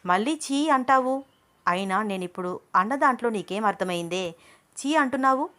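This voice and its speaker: A woman's voice: a little high, lively intonation, moderate pace, a bit bright. A charming young husband, romantic and teasing, coaxing his shy wife in a storybook romance, as a female narrator reads him. The delivery stays close to her own medium voice.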